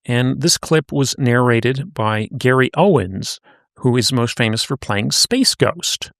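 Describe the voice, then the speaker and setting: A man's voice: mid-range voice, lively intonation, slow, vocal fry, fairly bright tone, no room sound, clean studio sound. A man co-hosting a podcast, recapping and chatting in a conversational storytelling way. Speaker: podcast co-host. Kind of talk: casual podcast chat.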